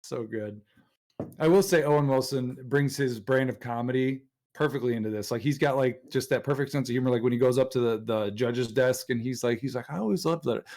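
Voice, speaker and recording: Excitable man in casual podcast chat. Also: a little fast. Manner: excited, acts out scenes in jumpy high voices. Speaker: podcast co-host.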